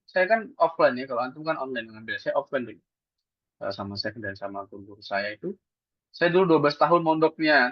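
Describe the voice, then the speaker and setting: A man's voice: on the high side, no echo. A man teaching Quran recitation in an online lesson, explaining patiently step by step and asking and answering his own questions. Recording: dull dry lo-fi sound.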